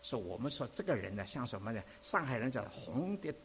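A man delivers a sermon. He recounts his own experiences as an expressive, conversational storyteller, and his mid-range voice leaps up and down with lively intonation. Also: mid-range voice, brisk, slight background noise. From Dinghai, Zhejiang, China. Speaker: preacher. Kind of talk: sermon with personal testimony.

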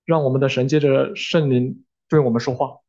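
A man interpreting a sermon live, with fillers and quick self-corrections. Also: medium pitch, fairly even intonation, darkish tone, dull audio.

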